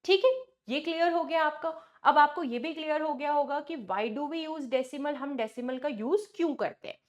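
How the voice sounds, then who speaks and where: A woman teaches a maths class online, her voice set high. She works through each step and poses questions only to answer them herself. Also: moderate pace. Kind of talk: online class lesson in Hindi-English mix.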